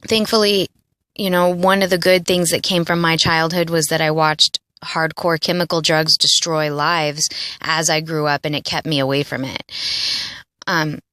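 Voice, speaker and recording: A woman in her late thirties talks through her own experiences in a reflective audio blog, earnest and confessional. She rambles, leaning on "like" and "you know", in a slightly low voice. The recording is close and dry. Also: flat delivery, normal speed, bright, forceful tone, clear, resonant tone, dry recording. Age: late 30s. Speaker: audio blogger. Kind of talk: reflective personal monologue.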